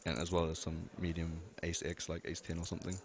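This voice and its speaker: Fast, low-voiced poker analyst man. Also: completely flat delivery, background noise. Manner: hedging, many fillers and restarts. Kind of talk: expert poker commentary.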